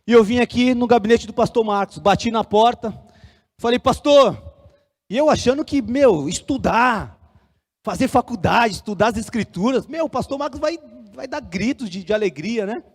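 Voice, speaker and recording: A man preaching a Sunday sermon, telling a personal story and acting out the dialogue with lively energy. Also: extremely high pitch, moderate pace. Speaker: pastor. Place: church hall. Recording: long church hall reverb.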